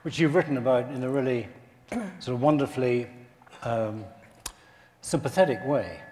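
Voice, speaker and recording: A man's voice: medium pitch, normal speed, dark tone, slight background noise. An older man interviewing a guest on a theater stage, framing his questions hesitantly with repeated words, on a lapel mic. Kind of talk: onstage interview. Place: large theater stage, seated in armchair. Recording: long hall reverb.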